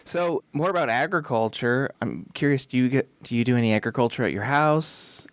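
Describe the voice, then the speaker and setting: A man's voice: medium pitch, fairly quick, clear, resonant tone, no room sound. A man hosting a farming podcast, asking short questions and giving brief encouraging responses. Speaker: podcast host. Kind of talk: casual interview.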